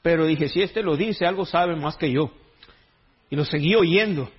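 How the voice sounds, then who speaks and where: A pastor preaches with a casual, joking tone and street slang. His voice sits high and sounds husky. The recording is dull and lo-fi. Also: normal speed. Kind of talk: sermon.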